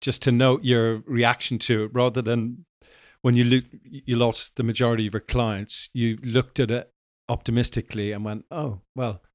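A man's voice: mid-range voice, flat delivery, normal speed, no room sound, clean studio sound. A man hosting a casual interview, thoughtful, often stumbling and restarting as he puts his questions. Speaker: podcast host.

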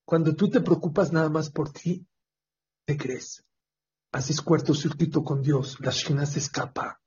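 A speaker with a Mexican accent giving an emphatic religious talk with storytelling and questions to the audience. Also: female voice, sits low, measured pace, darkish tone, husky. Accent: Mexican Spanish. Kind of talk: sermon with storytelling. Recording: dull lo-fi recording.

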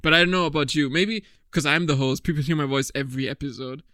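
A man's voice: a little high, fast talker, bright, forceful tone, dry recording, studio quality. Chatty young man hosting a podcast. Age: 20s. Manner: chatty and rambling, laughs often. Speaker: podcast host. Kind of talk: casual chat.

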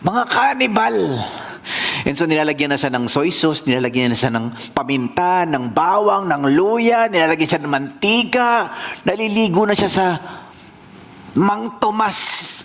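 A man from the Philippines, a pastor telling a story in a sermon in a playful, animated way. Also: a little high, moderate pace.

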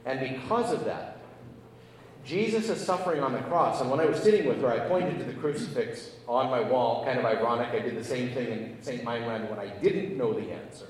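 Pastor preaching in an echoey church. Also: male voice, medium pitch, a little fast, slight background noise. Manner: earnest, acts out dialogue with emphatic rises. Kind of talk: sermon storytelling. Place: large church. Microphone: handheld mic. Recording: echoey church hall, distant mic.

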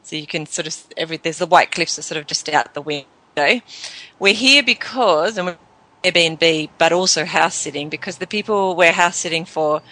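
Tasmanian woman guest, Australian accent, talks loosely and easily, slightly low and bright. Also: moderate pace, low-quality recording. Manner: chatty, laughs easily, rambling. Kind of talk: casual interview chat.

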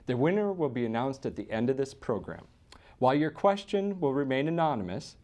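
A man's voice: mid-range voice, darkish tone. Man, host, primary care doctor, call-in medical show, conversational, friendly.

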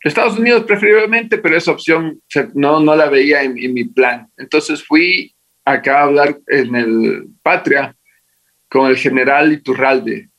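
An Ecuadorian man recounts his story in a casual interview. He talks in a lively, animated way and voices the people in his tale. His voice sits a bit higher than most men's. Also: measured pace, poor audio. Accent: Ecuadorian Spanish. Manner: animated, acts out quoted dialogue. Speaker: interview guest.

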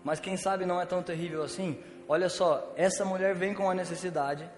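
A man's voice: high-pitched, steady tone, brisk. Casual Brazilian male pastor in echoey hall. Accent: Brazilian Portuguese. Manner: casual slangy storytelling with humor. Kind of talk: sermon. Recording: echoey church hall with faint music.

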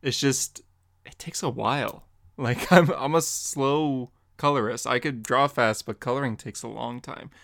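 Creaky and mid-range, this young man's voice moves at a measured pace. He's a podcast co-host and comic artist in a casual chat, relaxed, joking around and laughing often.

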